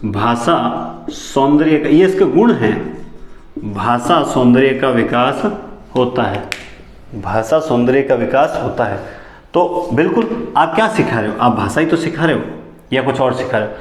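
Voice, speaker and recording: A man teaching a lesson, who repeats key phrases back as questions and sometimes talks fast enough that his words tangle. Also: medium pitch, lively intonation, echoey room. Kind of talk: classroom lecture on teaching methods.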